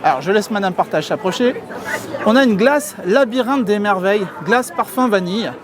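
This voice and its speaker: Chatty man vlogging outdoors, high voice. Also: lively intonation, normal speed. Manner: chatty, addresses viewers as friends. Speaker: theme park vlogger. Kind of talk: walking vlog commentary. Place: outdoors in a theme park. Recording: outdoor crowd and faint music behind.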